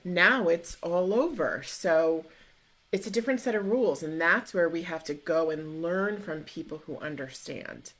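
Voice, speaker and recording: A woman's voice: fairly low pitch, moderate pace, a bit bright. A middle-aged woman on a school's mental health staff, thinking aloud in a conversational interview and working her ideas out as she goes. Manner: thoughtful, talks ideas through with restarts and asides.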